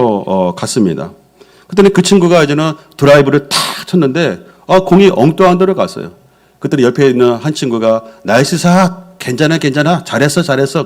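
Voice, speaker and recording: Animated storytelling male pastor. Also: on the high side. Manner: lively storytelling preacher, acts out quoted speech. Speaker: senior pastor. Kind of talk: Sunday sermon. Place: church sanctuary.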